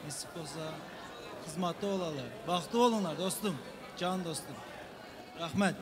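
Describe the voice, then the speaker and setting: A man's voice: high voice, moderate pace. A man offering good wishes to a friend at a wedding. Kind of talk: wedding well-wishing. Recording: crowded venue, crowd chatter. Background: loud crowd.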